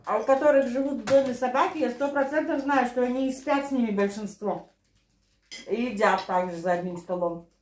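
A woman's voice: on the high side, fairly quick, darkish tone. A middle-aged woman chatting casually over a meal at home. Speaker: mukbang vlogger. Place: small living room at home, indoors. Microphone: camera across the table. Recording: roomy home room, clinking cutlery and dishes. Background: cutlery and dishes.

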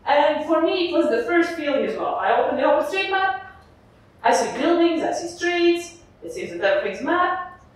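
A young woman from eastern Latvia with a Latvian accent gives a chatty, animated conference talk with frequent "uh" fillers. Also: high voice, normal speed. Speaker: conference speaker. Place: large lecture hall with audience. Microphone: far camera in the audience. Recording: echoey hall from far off.

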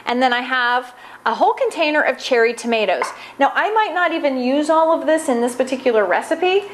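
Her voice is high-pitched and brisk, with lively intonation. A cooking show host in her forties, she chats upbeat through a casual demonstration in a large home kitchen, preparing food with her hands while background noise is audible.

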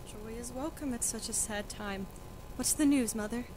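Brief: a girl voicing a defiant young heroine, slightly high, pleading and emotional. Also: normal speed, background noise, close to an everyday voice. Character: young noblewoman, desperate and defiant. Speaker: student actor in a school reading.

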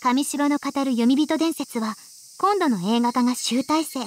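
A woman's voice: high voice, a little slow. A woman playing a refined, proud teenage heiress in a Japanese visual novel game, speaking in formal, ladylike, polite phrases. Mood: composed, earnest.

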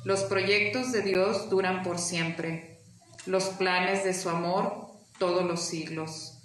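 A woman lector reading the psalm in a measured, solemn way, heard with cathedral echo. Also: on the low side, fairly even intonation. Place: large church. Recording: cathedral echo, distant mic, noise.

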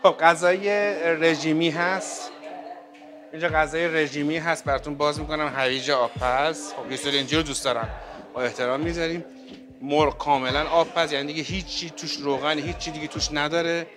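A man's voice: fairly high pitch, fairly even intonation. A man giving a chatty walking tour of a hotel buffet restaurant, talking straight to his viewers with lots of fillers. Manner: chatty, addresses viewers as friends, many fillers. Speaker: hotel review vlogger. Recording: background music under voice. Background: background music.

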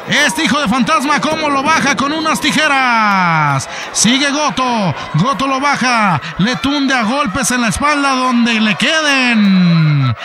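A man with a Mexican accent giving excited, playful wrestling commentary in a shouting manner. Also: very high voice, slow. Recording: loud arena noise behind voice.

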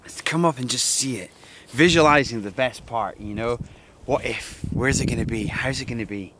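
A man's voice: medium pitch, normal speed, a bit bright. Man vlogging on a windy hilltop. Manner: enthusiastic, thinking aloud. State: has a cold. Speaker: landscape photographer. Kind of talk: outdoor vlog narration. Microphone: camera mic, hand-held close and far camera. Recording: wind noise on outdoor mic.

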